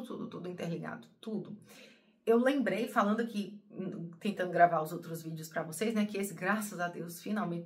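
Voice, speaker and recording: A woman's voice: lowish voice, a little mellow. Emotional, rambling woman talking to viewers. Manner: rambling, emotional, repeats words, addresses viewers as "gente". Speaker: spiritual channel host. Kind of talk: personal confessional monologue.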